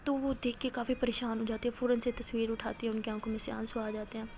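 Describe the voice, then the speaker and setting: A woman's voice: on the high side, little pitch movement, darkish tone, a little hiss or hum. A woman narrating a story in a casual, retelling manner with frequent fillers.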